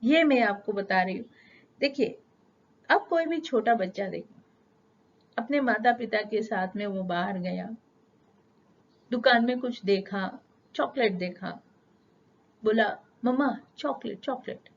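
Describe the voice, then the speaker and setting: A middle-aged woman teaching spoken English, explaining patiently with everyday examples and slowing down on English sentences. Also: mid-range voice. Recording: dull lo-fi sound.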